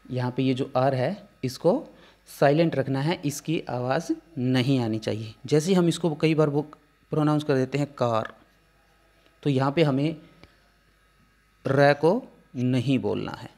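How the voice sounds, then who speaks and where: A man teaching pronunciation in a measured, unhurried way, explaining each sound patiently step by step. His pitch sits at an ordinary middle for a man. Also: darkish tone. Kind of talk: phonetics lesson.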